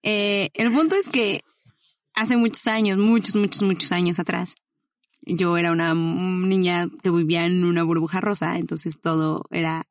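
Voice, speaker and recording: A woman's voice: lowish voice, steady tone, moderate pace, no room sound, studio quality. A young woman, co-hosting a podcast and telling a rambling, giggly story in casual chat. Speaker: podcast co-host.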